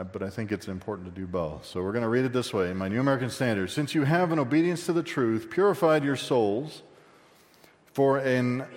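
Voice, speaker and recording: A man's voice: medium pitch, a little mellow, in a large hall. A male pastor preaching a sermon, conversational, with asides and questions to the congregation.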